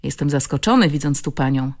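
A woman's voice: rumbling low, lively intonation, brisk, darkish tone. A woman voicing a weary but friendly middle-aged man in an audiobook, speaking in a hearty, coaxing way.

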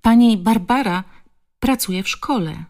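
A woman's voice: deep voice, normal speed, gravelly, mellow, slightly rough, heavily acted. A woman reading the part of a timid little girl who stammers and pleads. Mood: pleading.

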